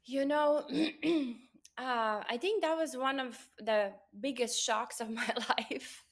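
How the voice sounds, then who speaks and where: A woman's voice: high-pitched, takes it slowly, creaky. A woman in her forties from Latvia with a Latvian accent, a doctor telling her story in an earnest interview. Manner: earnest, storytelling, frequent "uh" and "you know". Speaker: guest, doctor of Oriental medicine. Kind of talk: interview conversation.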